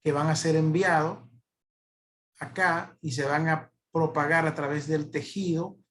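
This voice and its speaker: A man's voice: fairly high pitch, steady tone, measured pace, fairly bright tone. A man who works as a radiologist, giving an educational lecture and explaining step by step, repeating himself and restarting phrases as he thinks.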